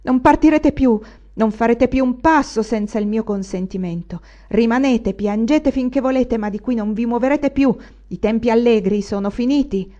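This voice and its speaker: A woman reading an audiobook, voicing a proud, violent young man who shouts in furious, hammering repetitions. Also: medium pitch, normal speed, dull audio, lightly acted. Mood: furioso.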